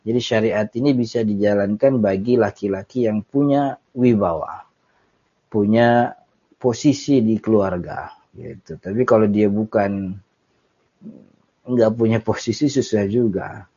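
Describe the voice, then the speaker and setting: A man's voice: fairly low pitch, a little slow, long pauses, dark tone, breathy edge. A man giving a casual Islamic study lecture, explaining Arabic text phrase by phrase in a chatty way with small laughs. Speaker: Islamic religious teacher. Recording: dull lo-fi audio recording.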